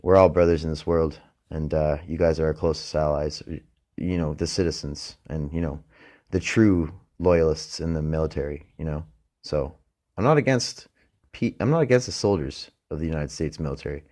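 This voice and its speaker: A Canadian man with a deep voice delivers a casual late-night solo podcast monologue at normal speed. As host, he rambles and swears freely, sometimes dropping to a mutter before leaping into loud, emphatic lines.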